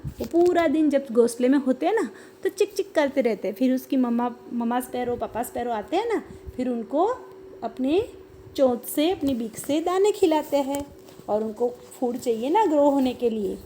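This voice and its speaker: A woman's voice: sits high, lively intonation, warm tone, a little hiss or hum. A woman teacher reads a children's story aloud line by line and explains each line in Hindi, asking the children questions. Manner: reads English lines slowly, then explains in Hindi; asks children questions, patient and encouraging.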